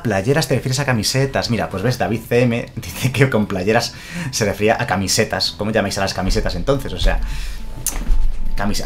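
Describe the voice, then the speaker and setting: A man's voice: fairly low pitch, fairly bright tone. A man from chatting casually on a live stream, explaining things and answering viewers' comments.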